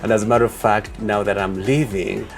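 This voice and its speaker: A man from Uganda answering interview questions as a project leader, speaking in a measured way with many pauses and fillers. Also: lowish voice, steady tone, gravelly, faint music behind.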